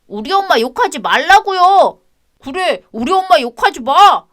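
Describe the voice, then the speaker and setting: A woman's voice: extremely high pitch, big pitch swings, moderate pace, a bit bright, pitched above the performer's own voice, full character voice. A woman voicing a stubborn young schoolboy who stands up for his mother in a radio drama. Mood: defiant. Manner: pleading, stubborn.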